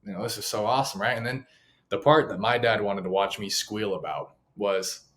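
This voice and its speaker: A man's voice: on the low side, brisk, a little hiss or hum. A young man co-hosting a casual chat, telling funny stories and acting out the quotes. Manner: animated storyteller, acts out quotes. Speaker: podcast co-host.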